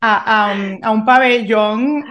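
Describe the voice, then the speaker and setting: A woman's voice: fairly high pitch, fairly even intonation, takes it slowly, a bit bright, muffled recording. A woman in her thirties from Venezuela, talking through a faith topic in a reflective way, often restarting her sentences. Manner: reflective, thinking aloud with many restarts. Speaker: podcast co-host. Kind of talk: casual faith discussion.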